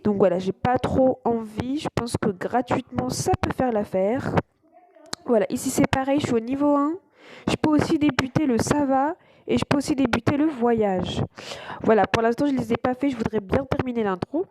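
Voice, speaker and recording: A woman with a high-pitched voice hosts her own YouTube channel, casually walking viewers through an app over a screen recording at a moderate pace. She is hesitant, full of fillers and restarts, and keeps saying "voilà". Background noise is audible.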